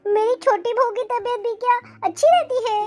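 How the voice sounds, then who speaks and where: A woman voicing a shrill scolding mother-in-law. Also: lively intonation, moderate pace, faint music behind. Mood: aggrieved. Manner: melodramatic, complaining. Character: scolding, self-pitying old mother-in-law. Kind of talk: cartoon family drama voice acting.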